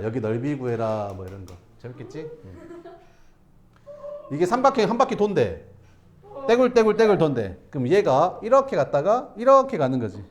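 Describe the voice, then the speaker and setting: A man's voice: medium pitch, reverberant. A male math teacher giving a classroom lesson, casually questioning students and answering himself.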